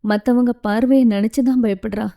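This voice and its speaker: A woman reading the part of a gentle, tearful mother who soothes her child. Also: fairly high pitch, steady tone, moderate pace, creaky. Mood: soothing.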